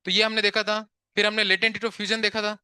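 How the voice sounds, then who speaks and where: A man teaching physics to a live class, chatty and quick to tell students to stop talking and pay attention, mixing English terms into his Hindi and asking questions he answers himself. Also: high voice, little pitch movement, sharp tone, smooth, dry recording, studio quality.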